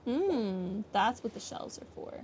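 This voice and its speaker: A female gaming streamer chats casually through her gameplay, talking to herself and to the characters on screen. Her medium-pitched voice swings widely in pitch at an unhurried pace, with background noise present.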